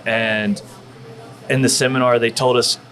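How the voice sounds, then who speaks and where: Former wrestler guest from Texas, mid-pitch male, cussing and rambling, audible restaurant noise. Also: level tone, measured pace, fairly bright tone, low-quality recording. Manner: profane, rambling, full of fillers. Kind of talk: casual storytelling. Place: barbecue restaurant.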